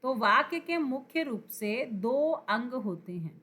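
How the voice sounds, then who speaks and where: A woman teacher giving an exam-prep grammar lesson, slow and emphatic, repeating key words and quizzing her viewers. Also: a little high, expressive, sharp tone. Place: teaching at a screen.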